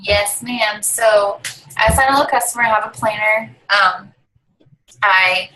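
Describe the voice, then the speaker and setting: A young woman speaks over a video call, with a bright, lively tone at a medium pitch. She explains her routine step by step in a chatty, upbeat way. A faint hum of noise sits underneath her voice. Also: unhurried, rough recording. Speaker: network marketing distributor and team leader. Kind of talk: casual video call interview.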